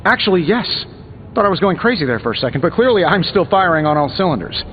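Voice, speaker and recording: An American man playing a cocky, sarcastic superhero inventor with glib, quick-witted banter in a video game. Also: high-pitched, big pitch swings, slight background noise. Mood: wry, bantering. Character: cocky, wisecracking male superhero inventor in armour. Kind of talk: video game dialogue acting. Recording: dull game audio with music behind.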